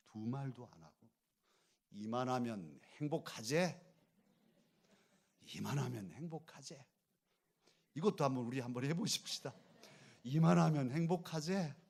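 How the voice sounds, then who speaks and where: A man's voice: mid-range voice, a little mellow. A man preaching a sermon as pastor, telling a story and building to rising fervor, and asking the congregation to repeat lines back to him. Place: church sanctuary.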